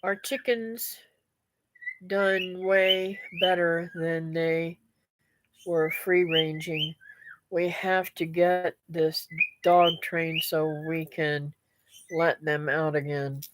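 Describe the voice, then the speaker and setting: A middle-aged homestead vlogger reads live comments and chats in a rambling, casual way with her viewers, whom she calls "guys" and "y'all." Her fairly low, slightly nasal and stuffy voice keeps a fairly even intonation at an extremely slow pace. The audio is poor, with a little hiss or hum.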